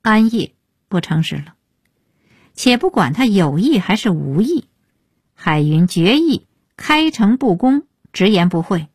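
A woman narrating a novel for a radio audiobook in a measured, close storytelling manner. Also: medium pitch, sing-song, slightly rough, no room sound. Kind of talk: scripted novel reading.

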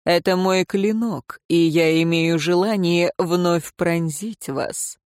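A woman voicing a self-satisfied noble advisor, a haughty man speaking slowly and commandingly. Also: a little mellow, clear, resonant tone, no room sound, clean studio sound. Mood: smug. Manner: slow, lowered, self-satisfied drawl.

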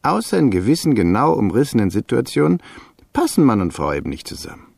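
A man's voice: medium pitch, wildly swooping pitch, quick pace, gravelly, a little mellow, slightly rough, no room sound, clean studio sound, exaggerated voice. An actor playing a shady male computer crook who evades his virtual lover's questions, in a radio play. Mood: lecturing. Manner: evasive, defensive, placating.

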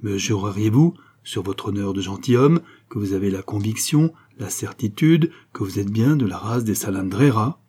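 A man's voice: on the low side, lively intonation, normal speed, few pauses, warm tone, husky. A man reading aloud, voicing a proud and indignant young noblewoman in a storybook. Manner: haughty, cold.

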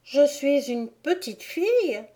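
A woman's voice: a little high, animated, unhurried, a little mellow, voice pushed up. A woman voicing a sincere, polite young girl in an audiobook, speaking earnestly and protesting. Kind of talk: audiobook character voice.

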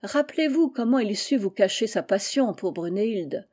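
Scheming queen, soft, insinuating, mellow warm voice, storybook, woman reader. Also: medium pitch, animated, moderate pace, lightly acted. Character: scheming cunning queen, stepmother.

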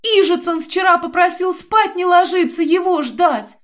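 Woman doing a shrill, tearful young woman. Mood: tearful rushing. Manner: high, breathless, rushing and pleading. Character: frightened tearful young woman, blonde friend.

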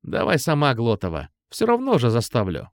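A man's voice: medium pitch, wildly swooping pitch, normal speed, no echo. A man voicing a hulking, coarse teenage school bully who jeers and turns whiny, in a storybook reading. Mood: jeering. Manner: jeering, coarse, whiny when caught.

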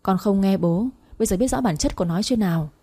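A woman's voice: medium pitch, quick pace, mellow, slightly rough. A woman voicing a stern father who lectures his son about the girl he loves. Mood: stern, lecturing. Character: stern older father, disapproving and controlling.

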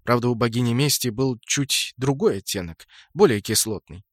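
A man narrating a fantasy audiobook in a steady, measured storytelling voice. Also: medium pitch, no room sound, clean studio sound. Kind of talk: scripted narration.

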